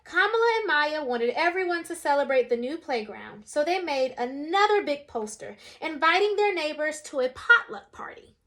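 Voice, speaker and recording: This young adult woman has a high voice and reads at normal speed from a children's picture book. She brings expression to it, altering her voice whenever a character speaks.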